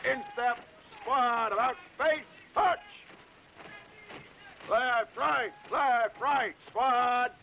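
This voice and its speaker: A loud, high-voiced army drill sergeant. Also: male voice, very slow, creaky, a little hiss or hum, heavily acted, rough recording. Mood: barking orders. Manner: barks clipped commands. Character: bossy male army drill sergeant, shouting. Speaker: drill instructor.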